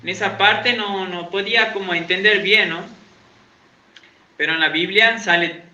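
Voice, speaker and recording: A man's voice: high voice, normal speed, pushed and bright. A man, an evangelical pastor preaching a chatty sermon in a church, quizzing his congregation and joking about himself. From Santiago, Argentina. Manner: chatty, quizzes the congregation, self-mocking humor. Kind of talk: conversational sermon. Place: church in Uruguay. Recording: echoey church, dull lo-fi sound.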